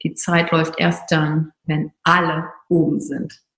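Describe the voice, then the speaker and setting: Woman speaker, gravelly voice, emphatic confessional storytelling, echoey room. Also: deep voice, level tone, a little slow, a bit bright. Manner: emphatic, confessional, with repeated phrases for stress. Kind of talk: personal motivational storytelling.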